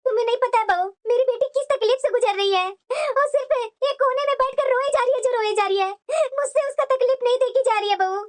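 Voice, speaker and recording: Lady doing a naggy cartoon saas, super high squeaky voice, talks fast. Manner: nagging, lecturing. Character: scolding middle-aged mother-in-law. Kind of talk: cartoon voice acting.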